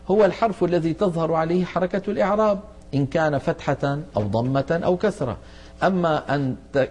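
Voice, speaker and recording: A middle-aged man teaching a televised lesson on Quranic recitation, explaining methodically and slowing down to enunciate each example word. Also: fairly high pitch, a little mellow.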